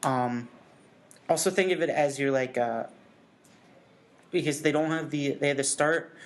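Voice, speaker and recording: A man's voice: on the high side, unhurried. A man co-hosting a casual gaming chat show, rambling with many fillers and restarts. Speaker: podcast co-host.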